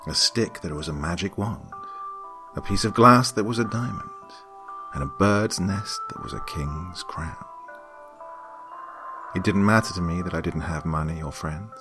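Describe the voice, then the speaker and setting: A man with a very low voice narrates a horror story. His delivery is hushed and creeping, sinking toward whispers. Music plays clearly behind him. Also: a little slow.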